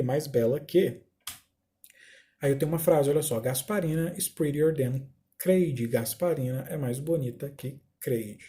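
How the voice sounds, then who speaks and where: A male teacher walks through a recorded lesson with a very dark, mellow tone that still sits a little high. His delivery is patient and explanatory. He reads from slides and slows right down on examples. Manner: reads slide text aloud and then restates it. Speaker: English teacher.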